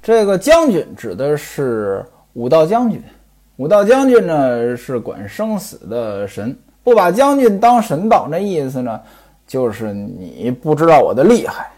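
A man talking through an old novel in a chatty, storyteller's way, his pitch a bit high and swinging widely. He tosses questions to himself and answers them, and his voice has a husky grain. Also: huge pitch swings, measured pace, warm tone. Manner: conversational, asks and answers his own questions; digresses into personal anecdotes. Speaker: explainer of a classic novel.

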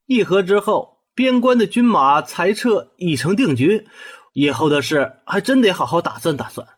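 A husky, fairly high voice: a man plays a brash young officer brother who jokes and pushes people around. His delivery is lively and swoops up and down. Faint music plays under the historical audio drama. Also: normal speed. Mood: frank. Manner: brash, pushy, joking.

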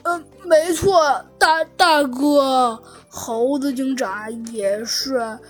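A woman's voice: high voice, drawn-out words, voice pushed down. A woman voicing the younger of two python crooks in a children's story, stammering and whiny, with faint music behind. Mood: nervous. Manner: panicky, whiny. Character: second python brother, jittery stammering crook.

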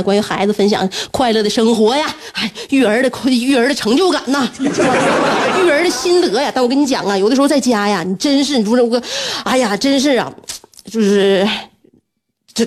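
A woman, a radio host telling a story in an animated way and laughing often. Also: noisy background. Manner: animated, laughing often, breaks into shrill scolding.

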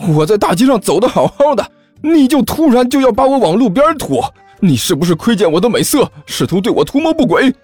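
A man voicing a cheeky male student who loudly plays innocent and protests. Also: high-pitched, huge pitch swings, normal speed, few pauses, dry recording, soft background music, pitched above the performer's own voice, full character voice. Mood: indignant.

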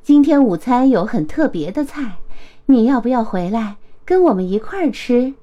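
A woman voicing a gentle mother calling to her little son in a children's storybook reading, soft and coaxing. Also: fairly high pitch, very animated, moderate pace, muffled recording.

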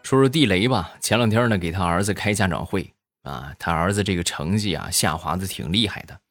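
A man telling comic stories in an animated, chatty way. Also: deep voice, fairly quick, dry recording, studio quality, soft background music. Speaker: comedian telling jokes. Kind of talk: comic storytelling.

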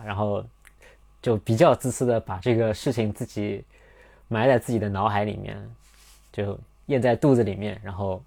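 A man's voice: fairly low pitch, vocal fry, darkish tone. A young man hosting a podcast, telling a personal story in a casual, rambling way with many restarts and fillers. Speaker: podcast host.

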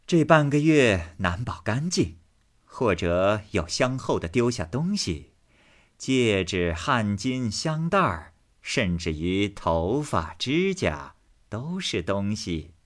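A man's voice: on the low side, big pitch swings, unhurried. A man voicing a shrewd, jealous noblewoman with a cold, sarcastic way of speaking.

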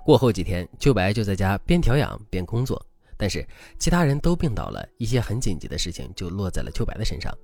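A man's voice: lowish voice, sing-song, fast talker, gravelly, darkish tone, no echo. A man hosting a relationship advice show, narrating a couple's story and lecturing in a scripted way. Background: faint background music.

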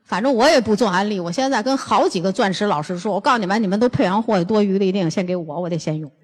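An older woman gives a lively lecture. She tells stories bluntly and throws rhetorical questions at the audience. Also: mid-range voice, fast, in a large hall. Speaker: lecturer on health and nutrition.

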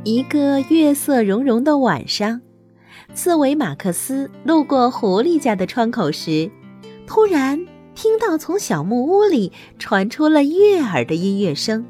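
A woman telling a bedtime story to children in a gentle, soothing, motherly way. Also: high-pitched, sing-song, a little slow, faint music behind.

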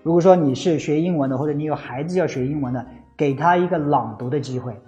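A man's voice: fairly high pitch, fast talker, mellow, lo-fi sound. A middle-aged man from China giving earnest, casual advice on learning English, often slipping English phrases into his talk. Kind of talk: casual spoken lesson. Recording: faint music behind.

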